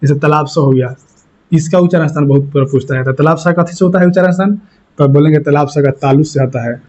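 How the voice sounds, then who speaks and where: A man teaches an exam grammar lesson, drilling each point and quizzing the class. His voice sits a little high but sounds mellow and soft-edged. The recording is muffled and lo-fi. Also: fast talker.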